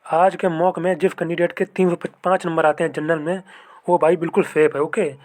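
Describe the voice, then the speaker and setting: A young man hosting an exam-prep video, himself a fellow candidate, informally explains mock test scores and cut-offs. His voice is a little high, brisk and fairly flat in pitch. He repeats himself, calls viewers brothers and keeps checking in with "okay."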